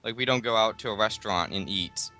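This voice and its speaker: A man's voice: lowish voice, fast talker, bright, forceful tone, faint music behind. An easygoing American man chatting on a game stream. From United States. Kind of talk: casual chat on a game stream.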